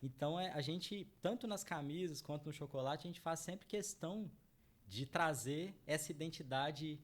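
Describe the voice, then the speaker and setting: A man's voice: fairly high pitch, moderate pace. A middle-aged man from Minas Gerais, a chocolate brand founder, explaining his business in an interview with earnest repeated checks of "right?". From Minas Gerais, Brazil. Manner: earnest, repeats "né?" often, addresses audience.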